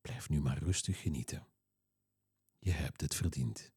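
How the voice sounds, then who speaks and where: A man reading a guided relaxation exercise in a slow, soothing, calm way. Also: rumbling low, slightly rough, dry recording, clean studio sound.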